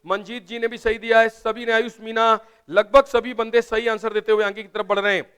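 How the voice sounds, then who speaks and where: High-voiced male chemistry teacher. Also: flat delivery, fairly bright tone, smooth. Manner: urges students to answer quickly in chat; explains step by step, often asks "right?". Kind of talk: live online class lecture.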